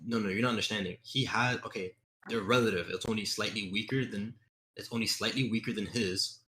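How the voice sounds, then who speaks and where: Brief: lower-pitched man, bright edgy tone, pushy debater, faint hiss behind. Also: fairly even intonation, fairly quick. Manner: insistent, interrupts, repeats himself. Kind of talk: heated online debate.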